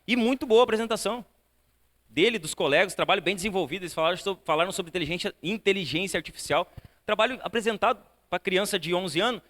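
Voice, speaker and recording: High-voiced pastor guy telling a story in his sermon, keeps saying né and tal tal, church hall echo. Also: fast talker. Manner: animated storytelling, swinging between soft and loud; fills with repeated tags like "né" and "tal, tal". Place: church auditorium.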